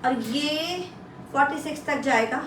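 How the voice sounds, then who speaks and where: An Indian woman presenting a casual, unscripted live shopping pitch, mixing Hindi with English phrases and repeating details to push buyers. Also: unhurried. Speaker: live shopping presenter selling women's clothing. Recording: roomy echo, distant mic, faint noise.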